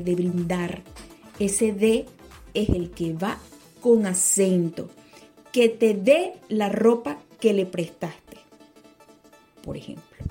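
A woman explaining grammar rules in a spoken lesson, slowing down on key points and correcting herself as she goes. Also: mid-range voice, mellow, husky. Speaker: teacher.

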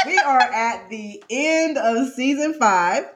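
A woman's voice: on the high side, takes it slowly, slight background noise. A woman co-hosting a podcast in casual chat, laughing often and teasing her co-host. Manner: laughs a lot, animated and teasing.

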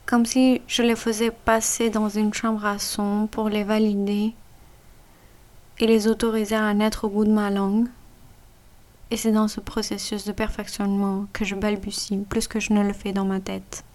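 A woman from Pakistan whose first language is Punjabi, reading a personal essay aloud in measured, deliberate phrases, with a Pakistani accent. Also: mid-range voice, level tone, a little mellow.

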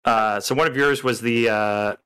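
A man co-hosting a podcast in casual chat from an online voice call, his audio cutting out and stuttering as he speaks. He talks haltingly and trails off mid-sentence. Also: medium pitch, bright, forceful tone, clean tone. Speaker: podcast co-host.

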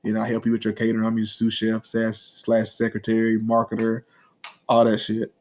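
A man's voice: lowish voice, monotone, fairly quick, darkish tone. A man, co-hosting a podcast in loose, profane, joking casual chat and slurring his words. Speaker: podcast co-host, comedian.

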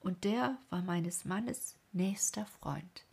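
Storybook part: a woman as a solemn, motherly village woman, breathy, half whispered. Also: fairly low pitch, slow, a little mellow, exaggerated voice.

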